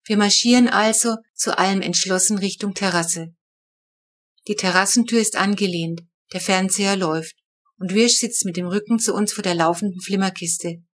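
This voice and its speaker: In a lively, wry first-person telling, a woman narrates a children's audiobook at medium pitch and a moderate pace.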